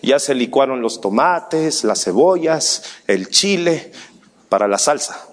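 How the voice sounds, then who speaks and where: A middle-aged man preaching a sermon as a pastor, moving from soft storytelling to near-shouting. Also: medium pitch, expressive, takes it slowly.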